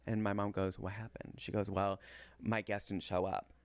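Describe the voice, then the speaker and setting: A man co-hosting a podcast, telling an animated story and acting out the people in it. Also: on the low side, moderate pace, clean tone, no room sound. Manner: animated storyteller who acts out quotes. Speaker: podcast co-host. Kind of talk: casual chat.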